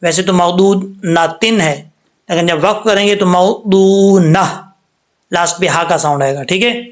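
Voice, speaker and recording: A man. He explains each rule step by step in a patient, steady way. Then he draws each word out slowly for students to copy. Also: high voice. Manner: explains rules patiently, then slowly recites words aloud. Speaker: Quran tajweed teacher. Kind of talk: word-by-word recitation lesson.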